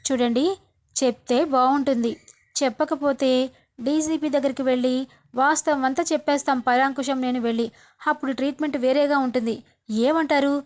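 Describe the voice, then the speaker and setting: A woman's voice: high voice, fairly even intonation, normal speed, lightly acted. A woman reading the lines of a confident young man who taunts and threatens a policeman in a soap retelling. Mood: taunting.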